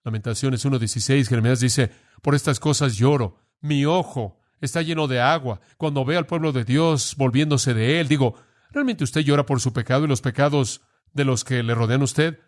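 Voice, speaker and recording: A man's voice: medium pitch, moderate pace. A man preaching a sermon, earnest and pressing, asking the listeners direct questions.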